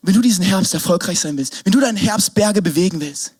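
A man preaching an energetic sermon, swinging between shouts and hushed asides. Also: high-pitched, fairly quick, husky, no echo. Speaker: pastor.

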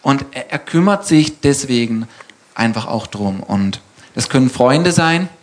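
A man's voice: mid-range voice, expressive, a little slow. A man on a church panel speaking reflectively and conversationally, often restarting his sentences.

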